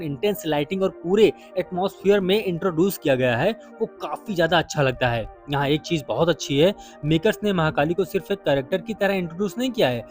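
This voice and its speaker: Male film reviewer, high voice, chatty and direct to camera, faint music underneath. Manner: chatty, addresses viewers as brother and friend. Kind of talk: casual spoken film review.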